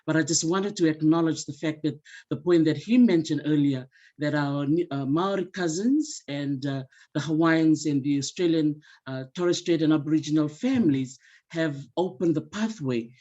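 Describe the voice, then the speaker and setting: A woman's voice: deep voice, normal speed, mellow. Woman on a dull, muffled video call. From Fiji. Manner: earnest and appreciative, with frequent "uh" fillers. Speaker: museum association representative, panelist. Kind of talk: symposium panel remarks.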